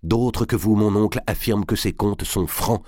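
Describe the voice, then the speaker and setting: Young stubborn king, put on by a male reader, voiced well above his own pitch, imperious. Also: moderate pace, warm tone, dry recording, studio quality, natural voice. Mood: insistent. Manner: imperious, pressing.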